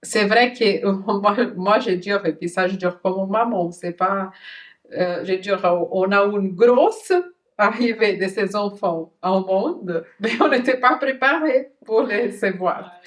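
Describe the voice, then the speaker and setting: A woman who is a mother, hosting a conversational interview, talking in an earnest, halting way with frequent restarts. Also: medium pitch. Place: lives in Switzerland. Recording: voice somewhat distant from the mic.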